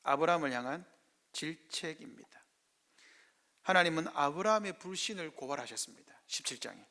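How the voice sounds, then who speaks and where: A male pastor with a Gyeongsang Korean accent delivers a sermon in a high, bright, forceful voice. He keeps asking the congregation questions and slips into dramatic voices for biblical figures. The sound carries a long echo from a church hall. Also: lively intonation, brisk. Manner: asks the congregation constant rhetorical questions. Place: church sanctuary.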